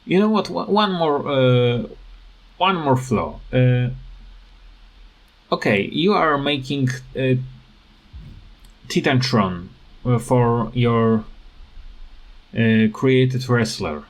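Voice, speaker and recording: Over game footage, a man who makes gaming videos rants in a relaxed way, speaking haltingly like a non-native speaker. His pitch is medium and his intonation lively.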